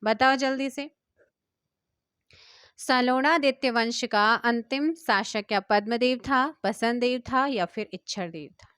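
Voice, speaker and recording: A woman teacher with an Indian Hindi accent reads through exam questions at a brisk pace and keeps pressing her viewers for answers. Her voice sits a little high and sounds smooth and clear. The recording is close and dry, with no room sound. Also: a bit bright, no room sound. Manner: brisk, quizzing viewers and urging them to comment. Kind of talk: quiz-style exam prep lesson.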